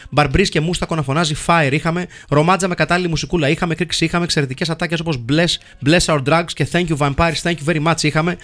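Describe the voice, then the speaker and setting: A man hosting a comedy show, reading listener film reviews in a wry, mock-solemn deadpan. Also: on the high side. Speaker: host reading listener comments.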